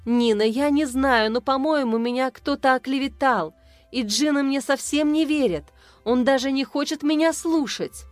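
A woman's voice: sits high, normal speed, no room sound, voice pushed up, lightly acted. A woman reading the part of a young wife who pleads and cries out at her husband, over faint music. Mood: distraught. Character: jealous young wife, wronged and tearful.

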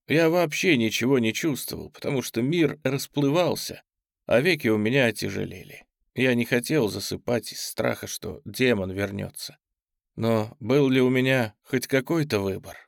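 A man narrating an audiobook in an even, measured reading voice. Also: medium pitch, vocal fry, no echo, studio quality.

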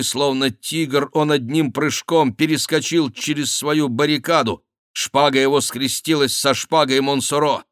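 A man narrating an adventure novel as an audiobook, steady and measured. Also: mid-range voice, dry recording, studio quality.

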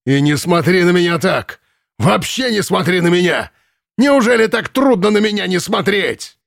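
A drunken male camp commandant in an audiobook, bellowing and ranting in a raised, strained voice, as a male reader acts him out. He bullies and raves in furious outbursts that swing up high. The sound is dry and close. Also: sing-song, extremely slow, vocal fry, dry recording, heavily acted. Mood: raging. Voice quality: shrill, furious shouting. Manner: ranting, unhinged, bullying. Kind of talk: audiobook character reading.

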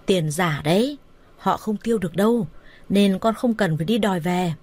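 Woman reading a calm, shrewd middle-aged man. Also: mid-range voice, normal speed, close to an everyday voice. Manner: calm, unbothered.

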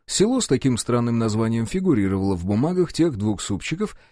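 A man narrating an audiobook in first person, in an expressive, ironic storytelling manner. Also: medium pitch, quick pace, dry recording, studio quality.

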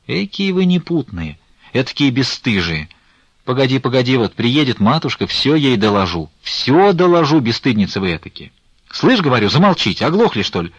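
A man's voice: mid-range voice, sing-song, fast, hardly any pauses, slightly rough, dry recording, dull audio. A man voicing a fussy, scolding but kind-hearted old woman nun in an audiobook.

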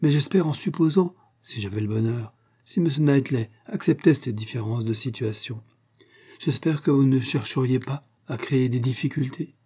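A man's voice: mid-range voice, moderate pace, dark tone, slightly rough, lightly acted. A man voicing a shy, hopeful young woman confiding her love in a read-aloud novel, speaking eagerly.

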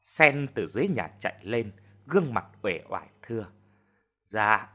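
A man narrating an audio story in a measured, expressive storytelling manner. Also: on the low side, husky. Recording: narration over background music.

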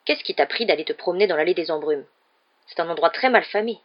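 A woman voicing a huge, gruff, grumbling gamekeeper in an audiobook reading. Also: fairly low pitch, fast, muffled recording, lightly acted. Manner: grumbling, scolding.

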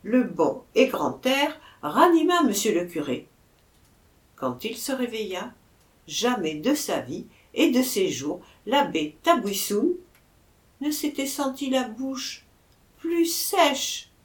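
A woman reading a folk tale aloud with animated storybook narration and dramatic pauses. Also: on the high side, reverberant. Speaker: audiobook reader.

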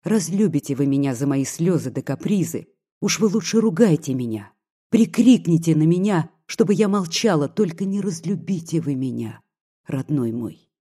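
A reader voicing a young peasant woman in an audiobook, devoted and anxious, speaking softly and pleadingly. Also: medium pitch, lively intonation, moderate pace, breathy edge. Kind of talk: audiobook dialogue reading.

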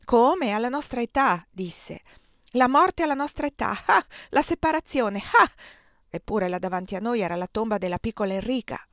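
A woman reading an audiobook, voicing an anxious, earnest young woman who pleads and rises to high exclamations. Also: fairly even intonation, fast talker, hardly any pauses, darkish tone, dry recording, studio quality, natural voice.

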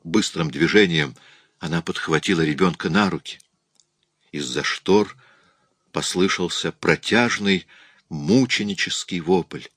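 A man reading a story aloud as an audiobook narrator, in a measured, steady storytelling manner. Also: deep voice, slightly rough, no room sound, clean studio sound. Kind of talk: scripted narration.

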